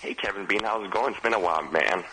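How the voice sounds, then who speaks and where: Deep-voiced man, rushed and stammering. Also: sharp tone, a little hiss or hum, poor audio. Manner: halting, stuttering, repeating words. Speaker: radio show listener and contributor. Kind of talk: casual phone-in chat. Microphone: telephone.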